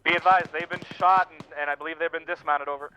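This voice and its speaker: A man's voice: a little high, fairly even intonation, quick pace, highs cut off, slight background noise. A man giving clipped military callouts over an in-game radio, ending with "over". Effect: heard over an in-game radio. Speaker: squad member calling in over radio. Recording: radio voice with loud gunfire behind. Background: gunfire and artillery.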